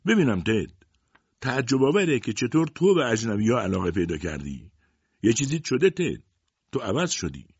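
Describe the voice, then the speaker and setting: A man's voice: mid-range voice, very animated, breathy edge, no room sound, highs cut off. A man voicing a sly male shopkeeper who teases a customer in a raised, mocking voice. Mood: prodding.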